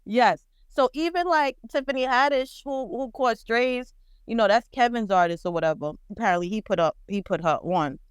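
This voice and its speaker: A woman co-hosting a podcast, chatting bluntly and profanely about celebrity gossip with lively storytelling. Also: a little high, normal speed, clear, resonant tone, no room sound. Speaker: podcast co-host. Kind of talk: casual pop-culture chat.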